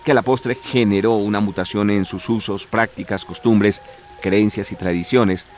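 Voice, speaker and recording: A man reading scripted documentary narration in a measured, formal way. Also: fairly low pitch, steady tone, faint music behind.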